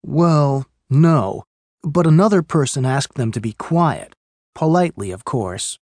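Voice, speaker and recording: Woman doing an english lesson dialogue, lowish mellow voice, dry sound. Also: lively intonation, unhurried, dry recording. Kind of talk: scripted dialogue for language learners.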